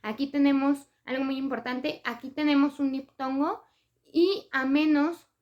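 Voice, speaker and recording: A woman's voice: high-pitched, steady tone, a little slow, lo-fi sound. A woman presenting a spelling lesson for writers, explaining step by step with examples and frequent hesitation fillers. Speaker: writing tips presenter.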